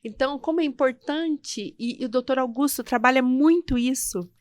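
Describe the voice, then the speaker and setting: Animated Brazilian woman telling a personal story. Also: high voice, moderate pace, no room sound. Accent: Brazilian Portuguese. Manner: animated, acts out dialogue in her story. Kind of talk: emotional personal storytelling on a podcast.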